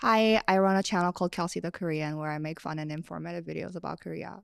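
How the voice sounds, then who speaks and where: A young woman guest on a casual podcast chat, blunt and low-key. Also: fairly even intonation, quick pace, gravelly, clean tone, no echo, studio quality. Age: young adult.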